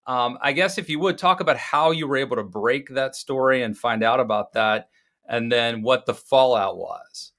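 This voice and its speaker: A man's voice: medium pitch, moderate pace, a bit bright. A man from Maryland hosting a podcast interview, asking questions conversationally and stumbling a little as he frames them. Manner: conversational, stammers while forming questions. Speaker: podcast host.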